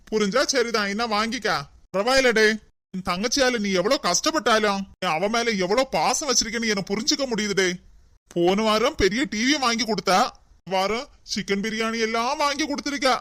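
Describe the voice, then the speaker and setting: High-pitched cartoon young men, voiced by a man, trading teasing, melodramatic banter in a Kanyakumari Tamil accent. The sound is close and dry. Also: normal speed, bright, forceful tone, no echo. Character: two bickering young brothers-in-law.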